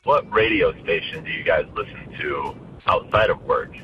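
Super deep guy leaving a phone message, muffled line, low rumble underneath. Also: moderate pace. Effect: voice heard over a phone line. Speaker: caller leaving a voicemail.

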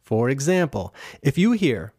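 An easygoing man co-hosting a children's show, patiently explaining how the game works. His mid-pitched voice moves freely up and down as he talks. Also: big pitch swings, unhurried, darkish tone, breathy edge. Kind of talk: friendly kids' show presenting.

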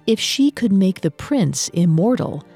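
Mellow-voiced woman narrating a myth. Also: medium pitch, very animated, breathy edge, soft background music. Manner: measured storytelling. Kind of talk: scripted narration of mythology.

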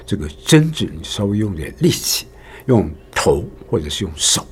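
A man's voice: lowish voice, very animated, normal speed, a little hiss or hum. A man with a Taiwanese Mandarin accent, a voice teacher explaining emphatically in a casual podcast chat. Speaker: voice actor and teacher.

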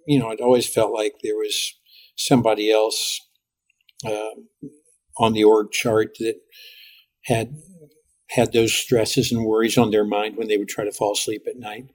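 A middle-aged man, a pastor, talking as a guest in a podcast interview and telling lively stories with frequent restarts. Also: fairly low pitch, a little slow. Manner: animated storytelling with lots of restarts.

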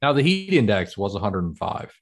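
A man with a low, deep voice co-hosts a podcast. He speaks casually, as in conversation. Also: sing-song, fairly quick, crowd noise. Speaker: podcast co-host. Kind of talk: casual chat.

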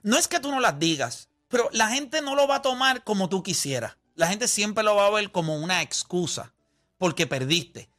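Male sports host, high and bright, blunt and argumentative, faint music under him. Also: expressive, normal speed. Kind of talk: casual sports debate.

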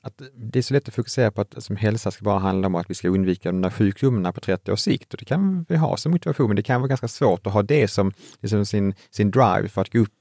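A man talking about running and health as an author guest in a relaxed, reflective way, often restarting his sentences. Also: fairly low pitch, hardly any pauses, dry recording, clean studio sound. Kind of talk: casual conversation.

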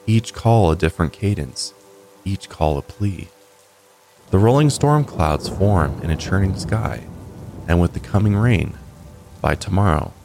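A man giving slow, measured, scripted narration for a nature documentary. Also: fairly low pitch, a little mellow, low-quality recording. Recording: faint rain in background.

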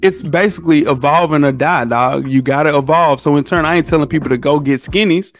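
A man in his thirties with a Southern US accent tells stories as a podcast guest in a casual chat. His voice is on the high side and a little fast, and his delivery is emphatic and full of slang.

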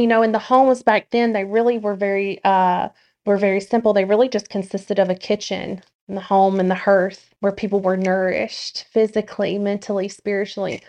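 A woman in the guest chair on a podcast, talking about faith with passion and force. Her voice sits at a middling pitch. She is blunt and emphatic, and now and then she swears to hammer a point home. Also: darkish tone. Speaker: guest, nurse and social media creator. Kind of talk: impassioned spiritual talk.

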